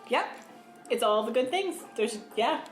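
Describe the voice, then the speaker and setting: A woman's voice: on the high side, animated, a little slow, soft background music. A woman hosting a food podcast, chatting in an upbeat, encouraging way and then closing the episode. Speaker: podcast host. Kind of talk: casual chat and outro. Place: home kitchen.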